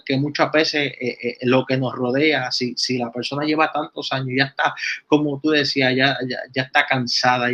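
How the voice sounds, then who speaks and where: A man, preaching casually in a halting way as he tells a story, full of repeated words and restarts. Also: medium pitch, a bit bright, muffled recording, slight background noise. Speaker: church talk co-host.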